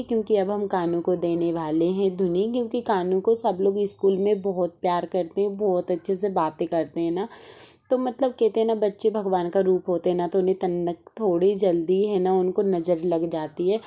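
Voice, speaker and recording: Chatty Malwi-accented woman, mellow voice. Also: medium pitch. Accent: Malwi Hindi. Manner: chatty, homely, rambling with many fillers. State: tired. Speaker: vlogger. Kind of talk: casual daily-life vlog narration. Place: home kitchen.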